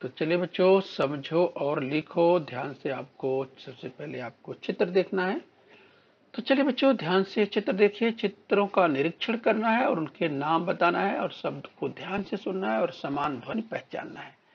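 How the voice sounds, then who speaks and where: A man teaching a recorded lesson to young children, reading words slowly and clearly for them to repeat. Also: high-pitched, dull audio. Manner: slow, drawn-out word-by-word reading for children to repeat. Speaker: primary school teacher.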